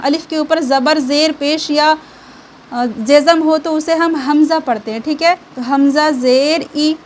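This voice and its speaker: Young woman teacher, high-pitched, patient, sounds out syllables real slow, bit of faint noise behind. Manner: patient, repeats "theek hai", sounds out syllables slowly. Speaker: Quran reading teacher. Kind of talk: online reading lesson.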